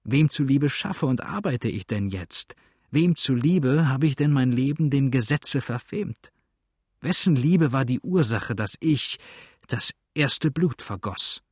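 A man's voice: mid-range voice, moderate pace, dry recording, studio quality, natural voice. A man voicing a persuasive, commanding sea captain in an audiobook.

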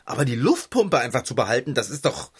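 A man playing an indignant, easily riled bicycle mechanic in a children's radio play, with a husky voice. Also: medium pitch, sing-song, fast talker. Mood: fuming. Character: hot-tempered, stubborn bicycle mechanic man. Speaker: bike shop owner.

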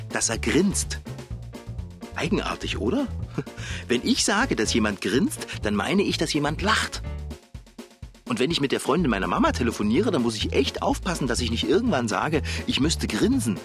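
A woman's voice: a bass voice, big pitch swings, moderate pace, soft background music. A woman playing a chatty, playful young girl. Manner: chatty, joking, easily giggling. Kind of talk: children's audio drama.

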